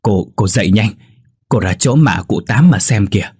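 A man's voice: fairly low pitch, expressive, normal speed, a little mellow, slightly rough. A man voicing a village woman neighbor who calls out urgently. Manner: calling out urgently.

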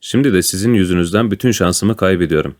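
A vicious blind old pirate beggar barks and curses at his crew, as a male narrator puts him on. The voice sits very low and gravelly-deep, and the fury runs through every storybook line. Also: fast, close to an everyday voice. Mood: furious. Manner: shouting, cursing.

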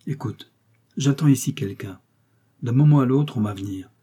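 A man's voice: medium pitch, normal speed, mellow, husky, close to an everyday voice. A man reading the part of a nobleman in hiding who speaks in a curt, imperious manner. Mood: guarded. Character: commanding male nobleman in hiding, grim.

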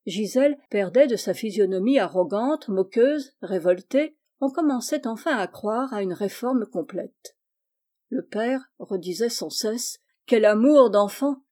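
Mellow woman reading a novel aloud. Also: medium pitch, expressive. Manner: measured and clear, acts out the dialogue. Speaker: audiobook reader. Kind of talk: scripted narration of a classic novel.

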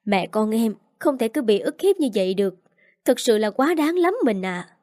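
A woman reading the part of an indignant older mother-in-law who complains loudly. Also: fairly high pitch, sing-song, moderate pace, no echo, studio quality.

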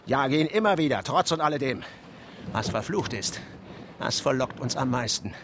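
An actor playing an obsessed one-legged whaling captain in a radio drama, brooding and commanding. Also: male voice, mid-range voice, expressive, normal speed, very noisy, close to an everyday voice. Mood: obsessive. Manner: brooding, then bellowing orders.

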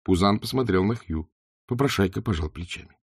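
A man narrating an audiobook with expressive storytelling. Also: low-pitched, a little fast, creaky, slightly rough, no echo, clean studio sound. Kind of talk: scripted narration.

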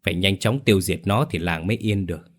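A man's voice: deep voice, fast talker. A man narrating a horror folk tale in a dramatic, vivid way. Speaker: storyteller.

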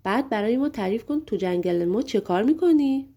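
A woman's voice: on the high side, lively intonation, warm tone. A woman reading a hearty hungry giant. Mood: coaxing. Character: hungry, easygoing male giant.

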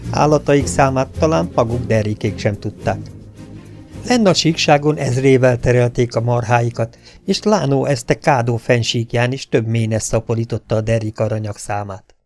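A man narrating a western adventure audiobook in a steady, even storytelling manner. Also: medium pitch, faint music behind. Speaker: audiobook reader. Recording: dry home audiobook recording.

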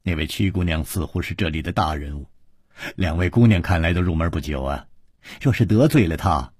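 A male storyteller voicing a sly, charming thief hero who talks low with drawling sighs. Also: a little fast, darkish tone, husky, no room sound, clean studio sound.

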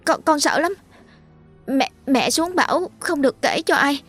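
A woman's voice: high-pitched, sing-song, unhurried, a bit bright, faint music behind, pitched above the performer's own voice, full character voice. A woman voicing a frightened young boy who stammers and repeats his words. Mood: scared.

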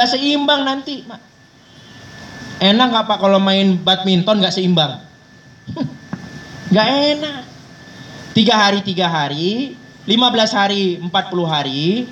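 High-voiced joking preacher, far from mic. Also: male voice, fairly bright tone, dull audio. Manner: folksy, joking, addresses listeners as Pak. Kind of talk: sermon. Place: mosque hall. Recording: distant mic with faint traffic noise.

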